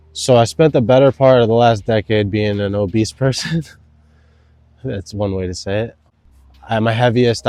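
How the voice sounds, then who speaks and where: A man's voice: on the low side, a little mellow, no room sound. A man talking casually as a vlogger, telling his story and giving tips in a laid-back, slangy way. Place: outdoors in wind.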